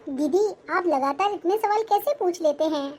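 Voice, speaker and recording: Young sister-in-law, sly and lazy, sweet-talks her way out , played by an actress; very high voice. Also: normal speed, darkish tone. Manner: sweet-talking, making excuses. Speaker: actor. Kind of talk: family drama acting.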